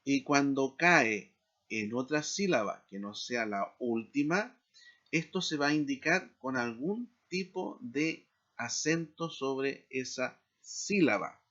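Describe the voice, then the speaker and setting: A man teaching a seminary Hebrew lesson in a slow, deliberate lecture style, checking in with short tag questions. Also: medium pitch, lively intonation, fairly bright tone, muffled recording. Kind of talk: recorded lecture.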